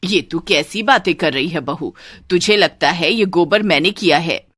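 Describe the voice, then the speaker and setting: A woman plays a bossy, scolding mother-in-law in an animated storybook, pitched lower and heavier than the storyteller's own voice. The recording is close and dry. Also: normal speed, husky, no room sound. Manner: scolding, domineering. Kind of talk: Hindi storybook voice acting.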